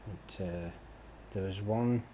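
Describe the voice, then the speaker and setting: A man with a fairly low voice rambles in a relaxed way while he plays, full of ums and offhand swearing. A steady noise hums under his talk throughout the recording. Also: slow. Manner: meandering, swears casually, many fillers. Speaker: gaming channel host. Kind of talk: rambling chat over gameplay.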